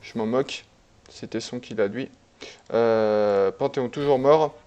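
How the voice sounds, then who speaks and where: A man casually commenting on a replay of his own online game, relaxed and chatty, with many fillers and restarts. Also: medium pitch, a little slow, lo-fi sound.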